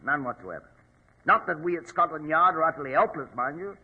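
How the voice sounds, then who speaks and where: An actor in a 1940s radio drama playing an agitated, pompous police inspector with a nervous, oratorical delivery. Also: male voice, a little high, expressive, a little fast, breathy edge. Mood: worried, earnest. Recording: dull, lo-fi old radio recording.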